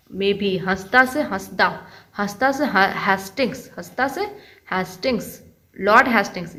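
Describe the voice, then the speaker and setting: A woman's voice: mid-range voice, poor audio. A woman teaching history for exams, repeating key words and asking and answering her own questions. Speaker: exam-prep history teacher. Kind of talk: online lesson with memory tricks.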